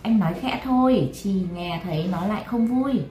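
A soft-spoken young stepmother with a soothing, hushed delivery, as a woman storyteller reads her. The room leaves a roomy echo with a faint hiss. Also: medium pitch, normal speed, natural voice.

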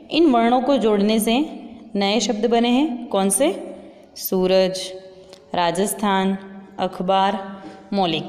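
Female teacher, deliberate and slow, posing and answering her own questions; long reverb on the voice. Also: medium pitch, darkish tone. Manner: asks questions and answers them herself. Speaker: school Hindi teacher. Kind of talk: classroom grammar lesson.

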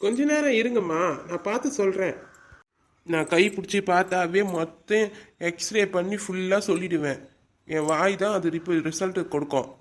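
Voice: medium pitch, moderate pace, close to an everyday voice. A performer playing a boastful male village doctor in a comedy skit, giving orders to the family.

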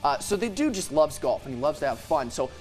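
A man's voice: fairly high pitch, very animated, brisk, a little mellow, soft background music. A man co-hosting a TV sports debate, teasing his partner in playful banter. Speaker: TV sports co-host. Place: TV studio.

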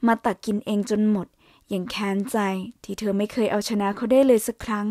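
A woman's voice: mid-range voice, fairly even intonation, brisk, warm tone, no echo, clean studio sound. Woman narrating a romance story.

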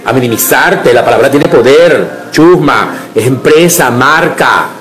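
A man's voice: mid-range voice, unhurried, a bit bright, close to an everyday voice, rough recording. A man acting a scolding, snobbish man in a short comedy clip, lecturing in a vehement, ranting way. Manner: scolding, vehement, calls people chusma.

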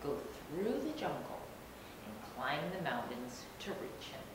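A big friendly hippo, put on by a woman from a picture book read to young children. The delivery is hearty and encouraging, with lively swoops of pitch, heard in a very roomy, noisy recording. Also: slow, exaggerated voice. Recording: roomy, distant microphone, rumbling background noise.

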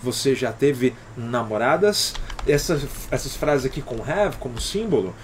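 A man's voice: mid-range voice, lively intonation, a little slow, slight background noise. A man with a Brazilian Portuguese accent teaching English on a live stream, explaining patiently and greeting viewers by name, often ending with "alright?".

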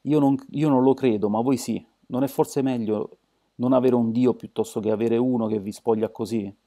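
A man's voice: mid-range voice, steady tone, a little fast, mellow, lightly acted. A man voicing an angry, argumentative atheist demagogue in an audiobook. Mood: furious.

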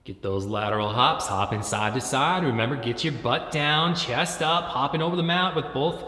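A man's voice: medium pitch, moderate pace, sharp tone. A man in his thirties coaching a workout with short, commanding, motivational gym-coach cues, recorded in a large echoey gym. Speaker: fitness coach leading a timed home workout. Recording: echoey, reverberant gym hall.

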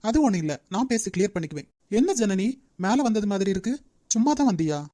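Woman voicing a young male manager, cartoon, strict, lecturing, rapid delivery, mellow dark tone. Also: mid-range voice, animated, no room sound, clean studio sound, natural voice. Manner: brisk, lecturing. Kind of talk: Tamil cartoon dub.

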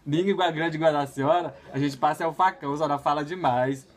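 Man, rapid-fire teasing banter, plays the haggler. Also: fairly high pitch. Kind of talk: bantering home video.

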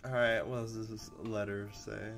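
A man's voice: lowish voice, flat delivery, unhurried, vocal fry, fairly bright tone, faint music behind. A man commentating a video game as he plays, rambling and often restarting his sentences as he reacts to what happens on screen. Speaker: gamer. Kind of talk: let's play commentary.

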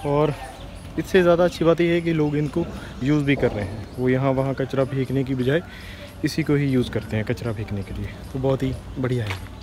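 A man's voice: medium pitch, a little fast. A young man, a travel vlogger, casually narrating a tour as he shows places around a railway station and a temple. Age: young adult. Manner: relaxed, explains as he shows places. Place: outdoor railway station platform. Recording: outdoor ambience noise, passing vehicles.

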